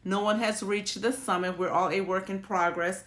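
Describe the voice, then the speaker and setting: A woman's voice: mid-range voice, steady tone, moderate pace, a bit bright. A woman hosting a perfume vlog, talking to viewers in a chatty, reflective, rambling way with restarts. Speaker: perfume channel host. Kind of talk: casual chat to viewers.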